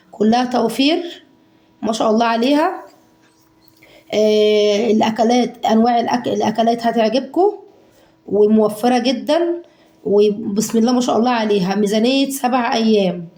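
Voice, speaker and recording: A woman with an Egyptian accent, hoarse from a cold, chatting fondly to her viewers about a budget week of home cooking. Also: fairly high pitch, brisk, reverberant. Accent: Egyptian Arabic. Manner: warm endearments to viewers, acts out their questions.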